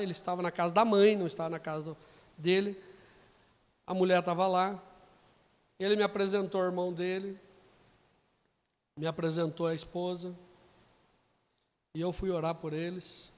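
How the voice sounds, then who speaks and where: A Brazilian man preaching a sermon, telling a story quietly and then building to loud, emphatic preaching. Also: high voice. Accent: Brazilian Portuguese. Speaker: pastor. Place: church hall. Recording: long hall reverb.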